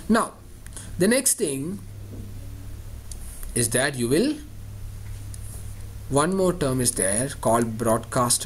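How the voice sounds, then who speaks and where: A man's voice: medium pitch, a little hiss or hum. A man teaching an online networking class, his voice cutting out over an unstable internet connection as he patiently repeats each step. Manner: patient, repeats steps and checks understanding. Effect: choppy audio over an unstable internet call. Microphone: video call.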